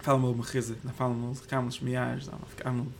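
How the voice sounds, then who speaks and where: Gravelly-voiced man teaching Torah in Yiddish. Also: medium pitch, monotone, fast, a little hiss or hum. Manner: rambling, thinking aloud, Hebrew terms woven in. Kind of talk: Yiddish Torah class on the Zohar.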